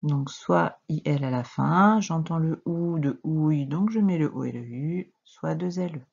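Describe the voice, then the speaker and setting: A woman teacher with a French accent, giving a slow, patient reading and dictation lesson to a young child and spelling out letters. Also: sits low, creaky, darkish tone, slightly rough, dull audio. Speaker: primary school teacher.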